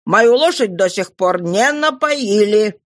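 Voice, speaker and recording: A woman voicing a rough, angry male peddler who speaks loudly and insistently. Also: medium pitch, expressive, takes it slowly, no room sound, clean studio sound. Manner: gruff, loud and insistent.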